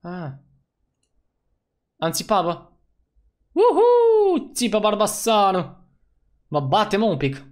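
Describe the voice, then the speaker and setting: A man giving let's-play commentary as a gaming YouTuber, excitable and slangy, breaking into loud whoops. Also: sits high, pauses often.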